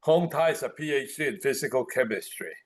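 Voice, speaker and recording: A man on a video call who adds calmly to his wife's story. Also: medium pitch, fairly quick. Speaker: guest speaker on business forum. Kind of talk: casual chat in a video call.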